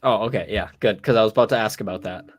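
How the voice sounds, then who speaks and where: A young adult man hosts a casual podcast chat, steering the segment in an easygoing way even though he sounds sick and worn out. He talks very fast at a fairly low pitch, with slight background noise.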